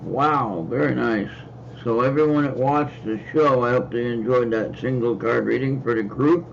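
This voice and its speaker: Gravelly American man rambling on a stream. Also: mid-range voice, normal speed, slight background noise. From United States. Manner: rambling, with hesitant fillers and repeats. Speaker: host and card reader. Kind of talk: casual livestream chat. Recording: slightly dull lo-fi stream audio.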